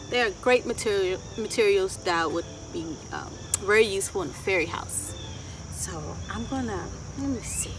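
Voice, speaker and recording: Her voice a little high, a thirtyish garden educator and story time host talks with small children outdoors among trees, quizzing them in an expressive, singsong manner. The recording carries clear outdoor ambience and chirring insects.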